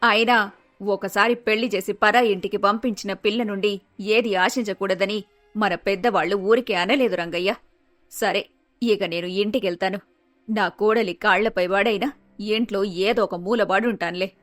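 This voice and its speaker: A woman's voice: mid-range voice, steady tone, moderate pace, fairly bright tone, soft background music, close to an everyday voice. A woman voicing a weary, grieving old mother. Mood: resigned. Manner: sorrowful, resigned lamenting. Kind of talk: storybook voice acting.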